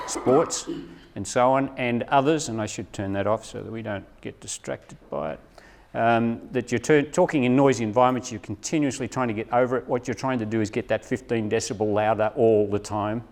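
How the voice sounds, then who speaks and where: A man's voice: mid-range voice, darkish tone. A man giving a live training talk to teachers, often checking in with "right?". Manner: chatty, keeps checking in with "right?". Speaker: presenter at a teacher training session. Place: meeting room with a live audience. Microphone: lapel mic, later a room camera mic from afar. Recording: distant room mic at times.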